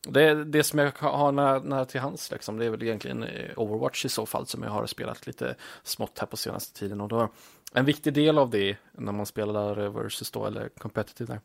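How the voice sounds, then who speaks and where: A man in casual chat, talking hesitantly with many fillers and uneven loudness. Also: medium pitch, fairly even intonation, gravelly, no room sound, clean studio sound.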